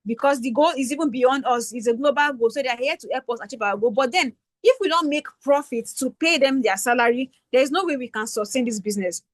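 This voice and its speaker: A woman's voice: high-pitched, no echo. A young woman with a Nigerian accent leading an online business workshop, talking conversationally and often checking in with "right?". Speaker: workshop facilitator. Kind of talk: online teaching session.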